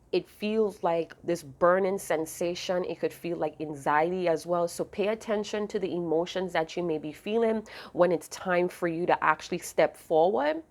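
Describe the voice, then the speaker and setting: A woman with a slightly low voice talks her viewers through a spiritual reading. She sounds sleepy, and her delivery is soft and unhurried, with frequent little self-corrections along the way. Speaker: astrology and tarot reader.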